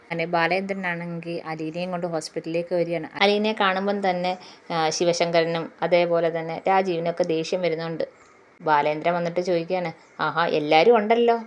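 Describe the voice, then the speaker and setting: A woman casually retelling a serial episode as its regular recap host, chatty and filling her pauses with drawn-out sounds. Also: on the low side, little pitch movement.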